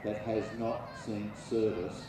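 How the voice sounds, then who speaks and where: A man giving live airshow commentary on aircraft history in a measured, informative way, pausing between phrases, over an outdoor loudspeaker system. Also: lowish voice, fairly even intonation. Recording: echoey distant PA, loud engine noise. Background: aircraft and vehicle noise, outdoor ambience.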